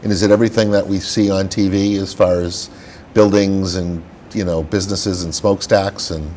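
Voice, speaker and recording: Local TV host, man, deep voice, friendly interviewer tone. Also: little pitch movement, normal speed, a little mellow, slight background noise. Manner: friendly, scripted welcome then chatty questions. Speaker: host of a local business show.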